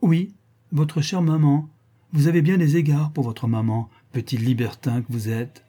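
A man's voice: medium pitch, lively intonation, moderate pace, dark tone, husky. A man voicing a teasing, flustered noble lady in a storybook reading, coaxing and scolding by turns.

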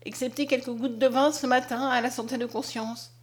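A woman's voice: high voice, fairly even intonation, a little fast. A woman reading the lines of a humble, grateful young woman in a storybook, in an earnest, emotional way.

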